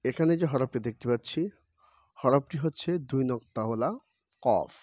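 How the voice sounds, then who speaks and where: A man teaching the Arabic alphabet as a Quran teacher, giving quick explanations and then drawing each letter's sound out slowly and loudly, again and again. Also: mid-range voice, no room sound.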